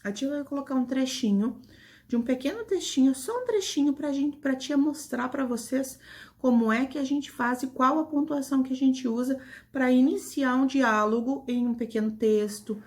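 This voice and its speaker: A woman's voice: high-pitched, moderate pace. A woman primary school teacher with a Brazilian Portuguese accent, giving a patient, affectionate online grammar lesson to children.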